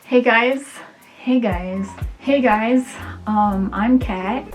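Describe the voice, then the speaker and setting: A woman's voice: a little high, drawn-out words, soft background music. A woman in her late twenties, an illustrator, chatting casually and self-deprecatingly about herself, with many "like"s and "um"s. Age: 20s. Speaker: illustrator and vlogger. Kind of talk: casual get-to-know-me chat.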